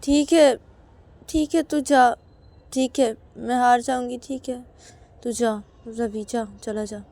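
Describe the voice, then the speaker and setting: A woman's voice: on the high side, steady tone, slow pace, warm tone, pitched below the performer's own voice. A woman voicing a possessive, stubborn older sister who keeps insisting and demanding answers in a spoken storybook. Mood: reproachful. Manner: insistent, repeatedly demanding "haan?".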